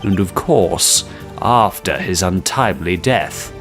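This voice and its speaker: Confident young defense lawyer in a courtroom video game, a man reading him, slow and emphatic, animated. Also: low voice, soft background music, pitched below the performer's own voice, exaggerated voice. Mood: assertive. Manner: deliberate, emphatic courtroom delivery.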